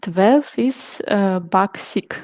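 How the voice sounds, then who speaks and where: A woman from Russia announcing quiz winners, halting and pausing over names. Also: mid-range voice, darkish tone, muffled recording. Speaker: quiz host.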